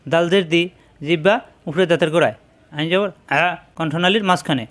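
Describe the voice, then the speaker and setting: Slightly high-voiced man drilling Arabic letters. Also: brisk. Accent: Bangladeshi Bengali. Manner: repeats each sound several times, explains pronunciation patiently. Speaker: Quran reading teacher. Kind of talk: slow drilled letter-by-letter recitation lesson.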